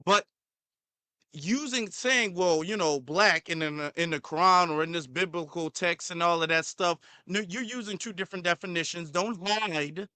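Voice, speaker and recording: A man's voice: high voice, moderate pace, sharp tone, clear, resonant tone, no echo. A man hosting a commentary channel, reacting to a clip in a heated, repetitive way, sometimes stumbling over his words.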